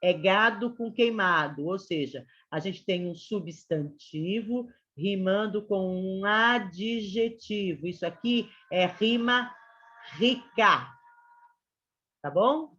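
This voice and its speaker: A Brazilian woman teaches an online class, talking to her students in a chatty, checking-in way. Her voice sits at an ordinary middle pitch. The sound is a bit dull and lo-fi, as from a computer mic on a video call. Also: lively intonation, slow, fairly bright tone. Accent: Brazilian Portuguese. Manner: chatty, addresses students as "gente" and "galera".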